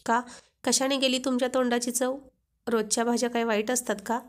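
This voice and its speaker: A woman's voice: fairly high pitch, flat delivery, fairly quick, natural voice. A woman voicing a shy young wife who flares up and gets flustered at her husband's teasing. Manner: coy, flustered.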